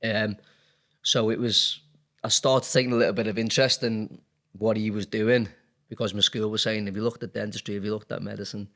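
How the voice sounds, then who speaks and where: A man in his thirties from Liverpool, England, a dentist who runs his own business, gives a candid, slightly rambling casual interview packed with fillers. His Liverpool-accented voice is lowish and fairly bright, with little pitch movement, and a little fast.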